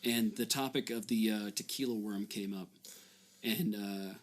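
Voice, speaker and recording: A man co-hosting a casual comedy chat, rambling with stammered restarts and sudden excited jumps in pitch. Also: measured pace. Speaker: comedy podcast co-host.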